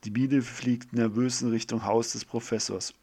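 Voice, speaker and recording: A man reads his own village story aloud in an amateur, plain way. He occasionally corrects himself mid-sentence, with a voice of ordinary pitch. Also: flat delivery, normal speed, a little mellow, husky. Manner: plain reading with small self-corrections. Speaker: narrator.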